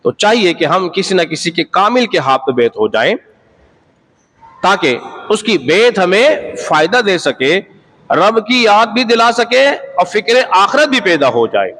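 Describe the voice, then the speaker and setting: A man's voice: sits high, very animated, unhurried, fairly bright tone, slight background noise, rough recording. A man preaching an Islamic sermon, emphatic and repetitive, asking the audience rhetorical questions. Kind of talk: sermon lecture.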